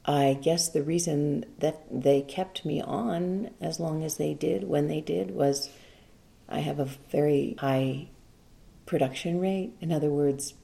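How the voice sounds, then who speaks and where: A middle-aged woman, an audiobook narrator, talking about her work in an unhurried, dry-humored way. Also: low voice, steady tone, creaky, mellow. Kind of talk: relaxed interview conversation.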